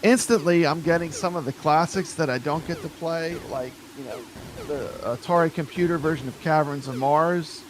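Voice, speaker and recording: A man's voice: on the high side, moderate pace, a little hiss or hum. A man hosting a casual live chat, showing retro games with eager, rambling talk. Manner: enthusiastic, rambling, repeats words. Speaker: host reviewing a retro console. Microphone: streaming with camera.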